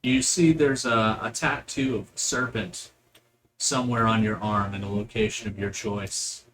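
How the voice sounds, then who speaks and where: A man's voice: lowish voice, steady tone, moderate pace, a bit bright, a little hiss or hum. A man acting as game master, casually narrating a tabletop game with improvised, descriptive storytelling.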